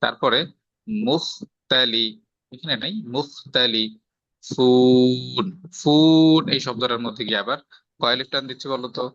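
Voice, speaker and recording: A man's voice: medium pitch, a little fast, a bit bright, no echo. A man with a Bangladeshi Bengali accent teaching Quran recitation rules, explaining step by step and quizzing his student with questions. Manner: explains step by step, checks for understanding with rhetorical questions. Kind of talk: patient tajweed lesson, quizzing a student. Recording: slightly dull, dry lo-fi sound.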